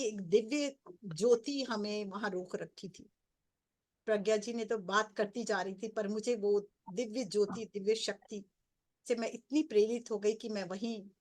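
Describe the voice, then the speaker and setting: A middle-aged woman, a spiritual coach, earnestly recounting her spiritual experiences as a personal story. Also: medium pitch. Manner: earnest storytelling, grows excited and breathless. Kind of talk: personal testimony.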